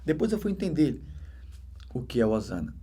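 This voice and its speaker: A man with a Brazilian Portuguese accent, a deacon giving a dramatic conversion testimony that swings between loud emphatic bursts and hushed soft passages. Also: mid-range voice, big pitch swings, fairly quick, husky.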